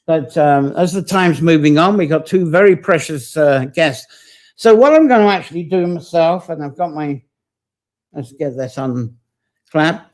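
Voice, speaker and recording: A man's voice: a little high, measured pace, darkish tone. A man hosting a live online folklore session, talking in a chatty, digressive way and stopping to greet viewers and read their comments. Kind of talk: informal live-streamed folklore talk.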